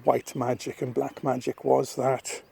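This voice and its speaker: A man talking into his phone on a misty countryside walk, thoughtful and rambling, pausing often. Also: medium pitch, little pitch movement, warm tone, a little hiss or hum. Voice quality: husky. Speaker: vlogger. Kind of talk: casual walking vlog monologue. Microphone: phone held at arm's length.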